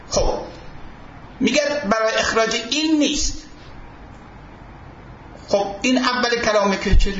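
A seminary teacher with a high, slightly bright voice lectures, quoting Arabic texts and posing fill-in questions to his students. The recording is roomy and dull with a faint hiss.

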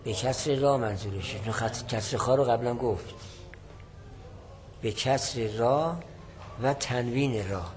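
A man's voice: mid-range voice, long pauses, a little mellow, low-quality recording. A man teaching a lesson, reading a classical text and explaining it line by line, repeating and rephrasing points. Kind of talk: lecturing on a classical Arabic text.

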